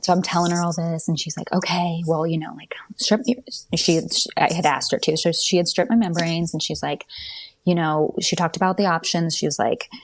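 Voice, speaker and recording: Woman chatting through her birth story, low voice, lots of likes and ums. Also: fairly even intonation, fairly quick. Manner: chatty, many fillers and restarts. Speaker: podcast guest.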